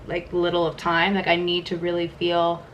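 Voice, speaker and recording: A woman's voice: fairly low pitch, monotone, normal speed, a bit bright, dull audio, a little hiss or hum. A woman in her twenties chatting casually at home through a makeup vlog, filling her talk with "like". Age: 20s. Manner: chatty, many "like" fillers. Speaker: vlogger. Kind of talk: casual vlog chat during a makeup routine.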